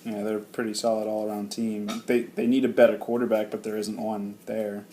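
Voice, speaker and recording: A man co-hosting a casual sports chat, animated and getting loud when he rants. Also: fairly low pitch, a little fast, slight background noise. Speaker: co-host.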